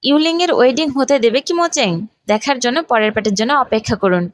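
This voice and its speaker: A woman narrating a drama recap in brisk storytelling style. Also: on the high side, animated, a little hiss or hum. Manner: brisk storytelling, voicing quotes plainly.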